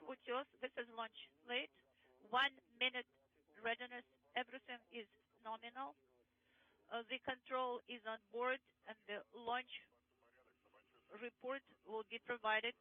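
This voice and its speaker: A man's voice: very high voice, little pitch movement, unhurried, long pauses. A man interpreting crew reports as a translation voice-over, in clipped, formal status calls over a radio loop. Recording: tinny radio channel.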